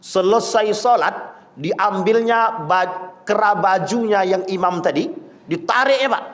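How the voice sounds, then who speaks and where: A male preacher giving a lively religious lecture to a congregation, telling stories, asking rhetorical questions and addressing his listeners directly. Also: high-pitched, measured pace. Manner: lively storytelling, acting out quoted voices.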